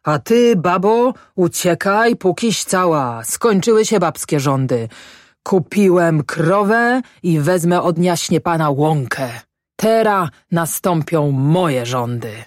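A woman reading an audiobook and voicing a drunk, quarrelsome peasant man who blusters and shouts, in a dry, close sound. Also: low voice, animated, slow pace, dry recording. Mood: defiant. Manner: blustering, shouting, fist-pounding.

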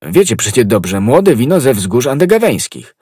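A man's voice: mid-range voice, big pitch swings, normal speed, darkish tone, breathy edge, no echo, studio quality, voice pushed up. A man doing an eager young swordsman. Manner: urgent, earnest. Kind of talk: audiobook reading.

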